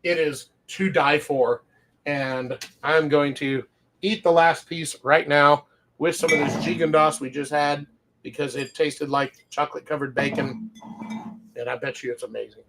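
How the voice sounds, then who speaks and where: A man from Louisiana hosts a casual wine-tasting talk with a somewhat higher voice. He rambles from story to story and chuckles often. Now and then he talks while chewing. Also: fairly even intonation, a little slow, background noise. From Louisiana, USA. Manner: talks with his mouth full while eating. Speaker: wine shop owner and show host.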